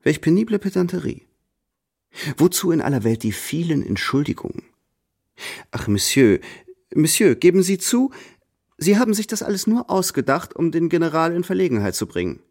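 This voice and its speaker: Radio drama: pompous, scheming French nobleman, lively and lofty. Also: on the high side, moderate pace. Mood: haughty. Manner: pompous, sprinkles in French phrases. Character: haughty scheming French marquis, middle-aged man.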